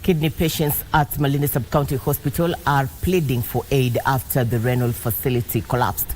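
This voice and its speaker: A woman's voice: extremely low pitch, steady tone, fairly quick, darkish tone, faint music behind. A female news anchor with a Kenyan accent, presenting a broadcast bulletin.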